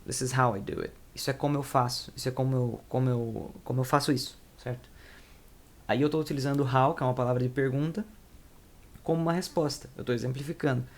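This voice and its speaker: Gravelly-voiced Brazilian man teaching casually. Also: medium pitch, fairly even intonation, fast, a little mellow. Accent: Brazilian Portuguese. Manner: rambling, self-correcting, informal slang. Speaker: English teacher. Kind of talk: casual explanatory lesson.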